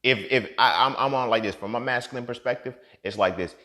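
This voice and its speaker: A man in his thirties giving a profane, impassioned monologue as a podcast host, swinging from low muttering to loud outbursts. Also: brisk. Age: 30s.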